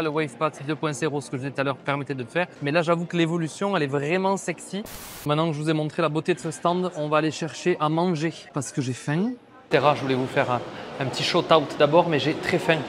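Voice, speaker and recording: Speaking straight to his audience, a vlogger with a French accent and a slightly high voice reviews pool robots inside a big trade fair hall. His casual vlog is enthusiastic and full of slang, with a little hiss or hum on the recording.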